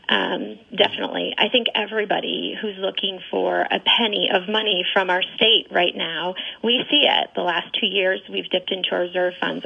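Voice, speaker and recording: Middle-aged woman on a radio interview, very creaky husky voice, explaining earnestly, kinda muffled sound. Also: medium pitch, bright, forceful tone. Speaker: parent advocate and interview guest.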